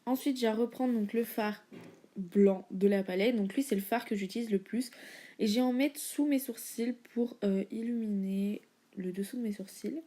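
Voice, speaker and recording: Brief: young woman, slightly high voice, chatty beauty vlogger, casual filler-heavy tutorial at home. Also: moderate pace, dark tone. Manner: chatty, many fillers, informal slang.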